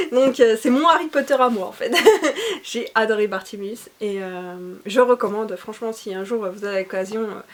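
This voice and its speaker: A woman talking casually and enthusiastically about books she has read, chatty with many hesitations. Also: on the high side. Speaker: book reviewer.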